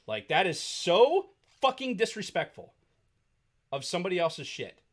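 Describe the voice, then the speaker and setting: With a voice that sits high and swoops wildly in pitch, this podcast co-host speaks at normal speed while furiously ranting. The show is casual, but he's angry and cursing constantly.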